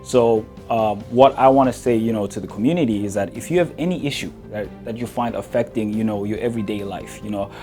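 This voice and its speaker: A man from Zimbabwe, a podiatrist, introducing himself earnestly, with frequent pauses and fillers. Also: fairly low pitch. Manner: earnest, hesitant, many fillers. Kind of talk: introductory clip to camera. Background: soft guitar music.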